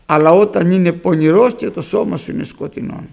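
A man preaching a sermon, emphatic, rising to high loud peaks as he addresses the congregation. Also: creaky.

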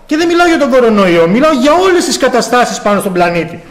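Male preacher, high voice, impassioned sermon, rhetorical questions, loud and soft swings. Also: big pitch swings. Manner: impassioned, swings between loud exclamations and low intense tones.

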